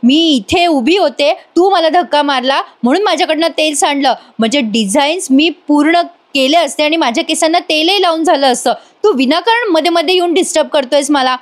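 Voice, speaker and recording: A woman's voice: high-pitched, fairly quick, close to an everyday voice. A woman voicing a fiery young designer. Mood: quarrelsome. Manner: quarrelsome, defiant.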